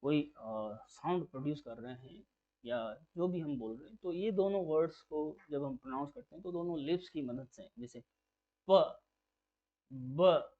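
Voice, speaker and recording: A man with a slightly high voice gives a lecture on phonetics for exam preparation. He explains step by step and drills each key term by asking it back and answering it. The recording is muffled and lo-fi. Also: normal speed. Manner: patient, repeats key terms as questions to drill them. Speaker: phonetics teacher. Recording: dull lo-fi recording.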